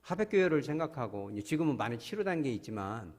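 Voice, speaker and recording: A man's voice: mid-range voice, sing-song, fast talker. A man preaching a sermon as a pastor. He talks with emphasis, keeps asking the congregation questions, and his throat sounds strained after an illness. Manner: emphatic, asks congregation questions, sudden loud cries. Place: church sanctuary. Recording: long hall reverb.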